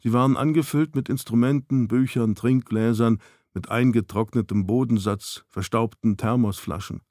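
A man narrating a novel as an audiobook in a measured, even reading. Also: medium pitch, dry recording, studio quality.

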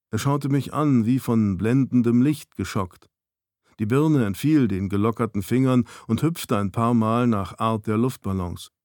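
A man narrating a novel as an audiobook in a measured, even reading. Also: mid-range voice, dry recording, clean studio sound.

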